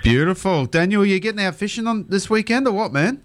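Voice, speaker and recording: A man's voice: sits high, animated, a little fast, a little hiss or hum. An Australian man co-hosting a radio show, chatting casually in a matey, slangy way.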